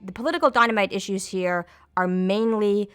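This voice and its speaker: A woman explaining politics in an interview, measured, with frequent ums and self-corrections. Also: mid-range voice, smooth, soft background music.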